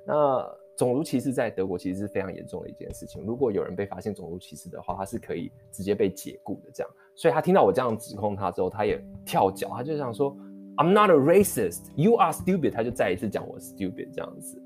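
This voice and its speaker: Animated low-voiced man telling a story. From Taiwan. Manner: animated, heated retelling of an anecdote; quick, rambling with many restarts. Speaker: vlogger. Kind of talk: storytelling vlog. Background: faint guitar music.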